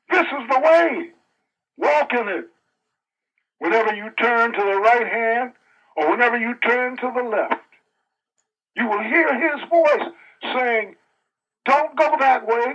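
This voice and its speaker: A man preaching a sermon with a husky voice, dropping to low quiet asides and rising high on emphatic lines, and reading scripture aloud. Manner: reads scripture passages aloud. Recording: dull lo-fi recording.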